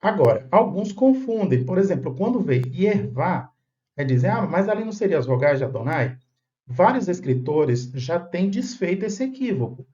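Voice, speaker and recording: A man's voice: high voice, very animated, normal speed, dark tone. Man teaching in a dull, lo-fi recording. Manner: didactic, checks in with "tá?" and "né?". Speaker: Bible manuscript lecturer. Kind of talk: explanatory video lesson.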